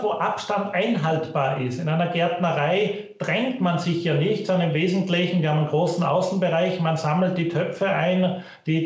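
Man, middle-aged, measured expert guest; low-quality stream, dull and very echoey. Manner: thoughtful, weighs options carefully. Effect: low-quality online stream audio. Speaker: finance professor guest. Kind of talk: measured expert interview answers. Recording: very echoey, muffled online stream.

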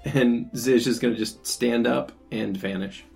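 A man's voice: mid-range voice, fairly even intonation, unhurried, creaky, darkish tone. A man narrating a tabletop role-playing game as game master. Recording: music playing behind the voice.

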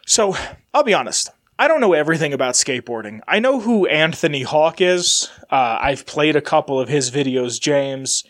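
This podcast host rambles in a relaxed, chatty manner on his casual solo show, congested from a sinus infection. He speaks at a normal speed in a fairly high, fairly bright voice with lively intonation.

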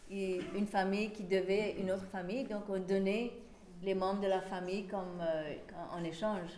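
A woman's voice: mid-range voice, darkish tone. A woman explaining informally in a group discussion, searching for words and mixing in English terms. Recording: echoey room, faint background noise.

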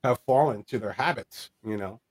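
A man's voice: fairly low pitch, normal speed, husky. A man in his forties telling a candid personal story in an interview, earnest and rambling, with many fillers and restarts. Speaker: interview guest.

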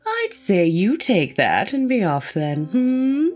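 Actress as a theatrical, over-formal eccentric doctor; unhurried, sing-song delivery. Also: female voice, mid-range voice, very animated, darkish tone. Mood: gracious. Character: eccentric scatterbrained woman doctor, nosy and theatrical. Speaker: voice actor in an audio drama. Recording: faint music underneath.

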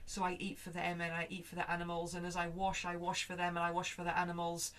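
Guest speaker: earnest woman, slightly low voice, thinks aloud on a video call. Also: completely flat delivery, fast, a bit bright. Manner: acts out her own thoughts in quoted asides. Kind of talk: reflective conversational talk.

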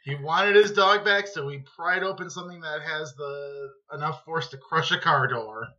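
A man's voice: on the high side, normal speed, sharp tone. A man co-hosting a casual podcast chat, playful and teasing. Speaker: podcast co-host. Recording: dull lo-fi sound.

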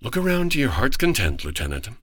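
A man's voice: mid-range voice, huge pitch swings, fast, no echo. An actor playing an exasperated, sardonic 1940s man in a noir comedy radio drama, with a dry and formal way of talking. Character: exasperated, sardonic 1940s male writer dragged into trouble.

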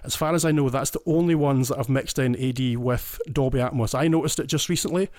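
This Scot, a guest on a relaxed podcast chat, explains things enthusiastically and in detail, frequently starting sentences over. He talks fast in a medium-pitched, somewhat dark voice, captured in a clean studio with no echo.

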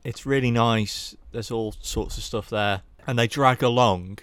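A man's voice: mid-range voice, measured pace, fairly bright tone, clear, resonant tone, no room sound. A young man, by the sound of his talk, reviewing a horror sequel in a casual chat, candid and rambling, swearing now and then. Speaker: podcast co-host.

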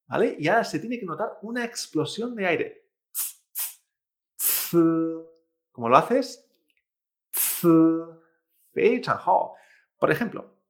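Man, language teacher, slightly high voice, patient, repeats and demonstrates sounds, frequent check-ins. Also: creaky, a bit bright. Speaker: Chinese pronunciation teacher. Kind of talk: online language lesson.

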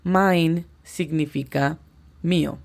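A woman's voice: low voice, fairly even intonation, takes it slowly, gravelly. A woman teaching English on a podcast, patiently explaining step by step and spelling out pronunciations. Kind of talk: podcast language lesson.

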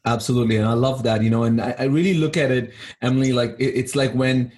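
A man's voice: medium pitch, steady tone, quick pace, darkish tone. A man co-hosting a ministry podcast from an office, upbeat and chatty. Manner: upbeat, many fillers and restarts. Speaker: podcast co-host. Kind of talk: podcast conversation. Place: office in Toronto.

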